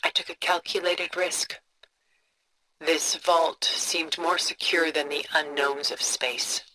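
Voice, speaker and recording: An actress playing a cultured, composed older woman who collects art, with a refined, measured, contemplative delivery for a video game. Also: low voice, steady tone, noisy background. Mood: calm, reassuring. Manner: refined, measured, contemplative, soft breathy phrase endings. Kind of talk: video game character dialogue, museum-guide storytelling.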